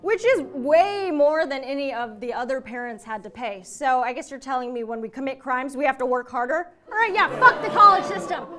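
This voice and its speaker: A woman's voice: high voice, fairly quick, hardly any pauses, some chatter behind. A woman hosting a comedy news show, delivering scripted jokes with sass and laughing between punchlines.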